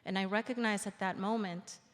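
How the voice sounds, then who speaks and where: An invited speaker in her forties, originally from El Salvador, gives a formal address at a public event in a large indoor theater, earnest and reflective and slowing down for emphasis. Her steady, mid-range voice echoes through the reverberant hall.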